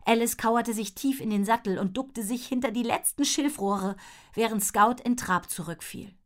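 A woman reading a children's adventure story aloud in an expressive, steady narrating style. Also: on the high side, moderate pace. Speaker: audiobook narrator.

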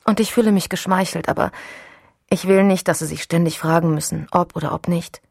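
A woman voicing a reserved, tired man in an audiobook, speaking in a calm, measured and gently persistent way. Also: lowish voice, creaky, breathy edge, no room sound, studio quality. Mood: gentle. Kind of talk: audiobook dialogue.

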